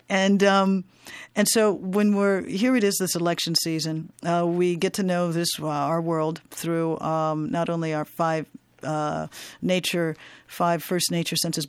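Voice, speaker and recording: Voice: mid-range voice, no echo. A radio host talking in an informal, free-form way, hesitant and often digressing. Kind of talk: free-form, rambling late-night radio talk.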